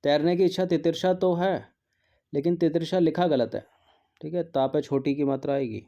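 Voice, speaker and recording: A man's voice: on the high side, normal speed, dark tone, lo-fi sound. A male teacher going through exam practice questions, repeating words to drill their spelling and mixing in English terms.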